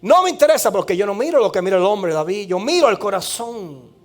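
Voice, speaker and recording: A man voicing the Lord as a calm, firm presence who reassures a fearful servant. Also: high voice, brisk, soft background music. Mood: reassuring.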